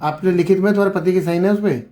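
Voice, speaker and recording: An interviewer with a high, steady voice questions a couple on the spot, talking very fast over slight background noise. He probes, repeats each answer back, presses them to speak louder, and calls people "beta."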